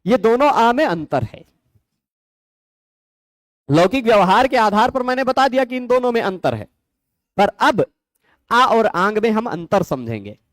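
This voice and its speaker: A male Sanskrit grammar teacher, his pitch sitting high and swinging widely as he explains. He builds his points patiently, asks questions and answers them, and checks that his students follow. The recording is dry and close. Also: no echo. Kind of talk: explanatory lecture.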